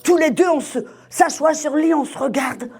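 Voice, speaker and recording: Woman preacher, higher register, dramatic testimony delivery, hushed to shouted, light music bed. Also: moderate pace. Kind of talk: sermon testimony.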